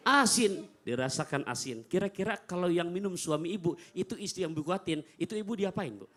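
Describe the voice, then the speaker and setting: A man preaching a humorous sermon to a live audience, animated and joking. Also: high-pitched, brisk. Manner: animated, jokey, addresses audience.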